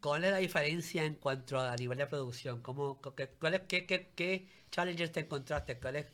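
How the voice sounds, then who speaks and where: A man's voice: a little high, normal speed, a bit bright. A man, interviewing guests and often rephrasing his questions as he goes.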